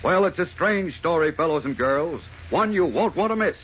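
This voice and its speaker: Animated old radio announcer, a man. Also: on the high side, moderate pace. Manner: dramatic, addressing young listeners. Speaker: announcer and narrator. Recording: muffled old radio recording with noise.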